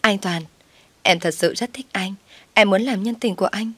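A woman's voice: medium pitch, moderate pace, a bit bright, breathy edge, dry recording, pitched above the performer's own voice. A woman voicing a scheming young woman who talks in a sugary, pleading way in a told story. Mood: coaxing, wheedling.

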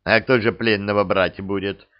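A man reading a hot-tempered young Cossack who shouts in indignation. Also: lowish voice, fairly even intonation, normal speed, lo-fi sound, lightly acted. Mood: angry.

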